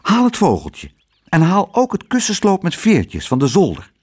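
A man doing a brisk, reassuring cook. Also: high voice, huge pitch swings, darkish tone, breathy edge, pitched above the performer's own voice, exaggerated voice. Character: resourceful grown man, a cook. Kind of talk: storybook reading.

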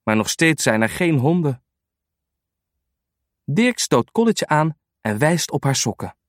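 A man reading a children's storybook aloud in an animated, unhurried way. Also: fairly high pitch, no echo, studio quality.

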